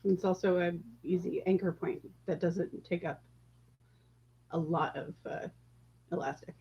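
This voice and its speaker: A woman's voice: on the low side, fairly even intonation, a little slow, creaky. Matter-of-fact woman, dull lo-fi livestream sound. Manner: brief matter-of-fact interjections. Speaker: livestream co-host. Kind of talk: casual chat.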